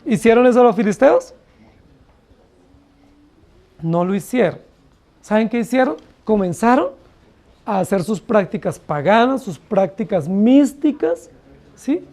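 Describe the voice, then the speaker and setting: Colombian pastor teaching a Bible study. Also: male voice, sits high, darkish tone. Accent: Colombian Spanish. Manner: asks the congregation frequent rhetorical questions, acts out quoted excuses. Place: church.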